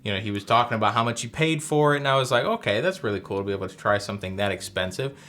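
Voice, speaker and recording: A young adult man co-hosting a casual chat, talking in a relaxed, rambling way that keeps correcting itself. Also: fairly low pitch, racing. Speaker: co-host.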